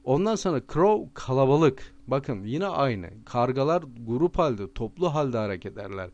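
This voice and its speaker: A man with a Turkish accent teaching vocabulary with memory tricks, repeating each word slowly and stressing it. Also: medium pitch, very animated, a little mellow, muffled recording. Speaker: language teacher.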